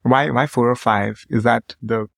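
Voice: mid-range voice, fairly even intonation, unhurried, vocal fry, dry recording. An inquisitive interviewer with a mid-range voice, asking questions and offering short affirmations. The sound is dry and close. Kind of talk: conversational interview.

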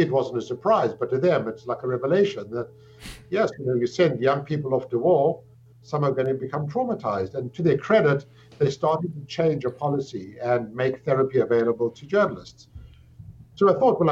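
In dull, lo-fi audio with a faint hum, a middle-aged man with a South African accent, a psychiatrist interviewed as a guest, recounts his background. He speaks at a medium pitch with a darkish tone, thoughtfully and with measured pacing, often pausing and restarting.

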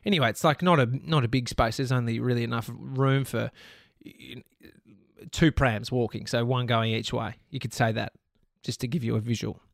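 Australian male podcast host, mid-pitched, candid storyteller who rambles and swears, dry close mic. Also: steady tone, moderate pace, creaky, dry recording. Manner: candid, rambling, swears freely, self-reflective. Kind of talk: casual storytelling monologue.

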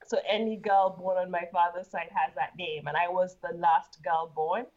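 A woman's voice: fairly low pitch, fairly even intonation, moderate pace, darkish tone, lo-fi sound. A woman from Uganda, a guest in an interview, talking casually and laughing often, with frequent repeated words.

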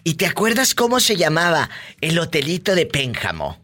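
A woman hosts lively call-in banter. Her voice is bright and swings widely in pitch as she teases and exclaims in colloquial phrases. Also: moderate pace. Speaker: radio show host.

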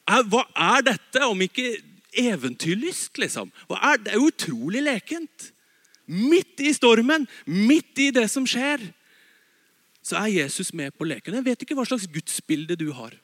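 A man with a high voice preaching a sermon in a lively way. He swings from loud emphasis down to quiet, low asides. His voice is recorded dry and close, with no room echo.

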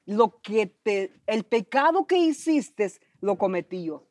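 A woman co-hosting a conversational bible teaching, animated and acting out prayers as she explains. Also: medium pitch, takes it slowly, no echo. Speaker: co-host of a bible teaching podcast.

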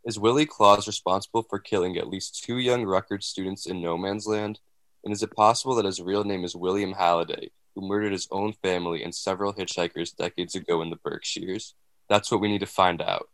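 A man's voice: low-pitched, steady tone, fairly quick, fairly bright tone, dry recording. A man hosting an investigative podcast in a scripted narration style. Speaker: podcast host. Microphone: video call.

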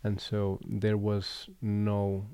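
A man from Colombia hosting a relaxed conversation, speaking reflectively with frequent pauses and restarts. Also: fairly low pitch, smooth, no room sound. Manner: reflective, unhurried, with fillers and restarts. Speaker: podcast host. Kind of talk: casual conversation.

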